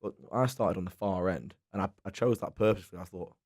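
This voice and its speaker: A man's voice: deep voice, fast talker, darkish tone, husky. A man, co-hosting a casual podcast and telling self-mocking stories. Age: early 20s. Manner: self-mocking, laughs through his stories. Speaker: podcast co-host. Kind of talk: casual chat.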